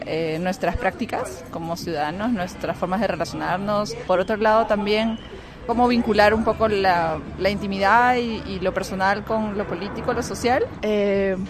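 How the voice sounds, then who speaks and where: A woman from Peru with a Peruvian Spanish accent, an artist answering thoughtfully with many hesitations. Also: medium pitch. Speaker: artist fellow. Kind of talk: interview answers. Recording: clear music behind.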